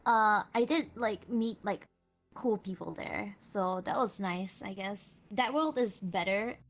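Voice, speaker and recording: A soft-spoken, hesitant young woman talking casually as a guest over an online voice chat, her audio cutting out with uneven volume. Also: mid-range voice, takes it slowly. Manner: soft-spoken, hesitant, many fillers and restarts. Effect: choppy online voice chat that cuts out, uneven volume. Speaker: guest streamer.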